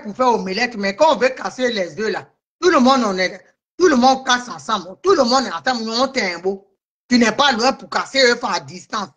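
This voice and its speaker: A woman delivers a heated live-stream rant in a bright, forceful voice. She is agitated, repeats herself and answers commenters by name. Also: a little high. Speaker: livestream host.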